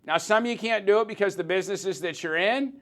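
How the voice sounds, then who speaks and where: A man's voice: high voice, fast talker. A man giving an emphatic motivational business talk as a coach, often restarting sentences and repeating points.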